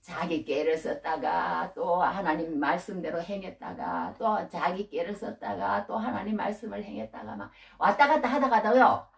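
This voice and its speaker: A woman preacher delivering a lively sermon, acting out scolding dialogue as she talks to her congregation. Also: fairly low pitch, moderate pace, creaky, few pauses, recorded from a distance. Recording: echoey room, voice from off the mic.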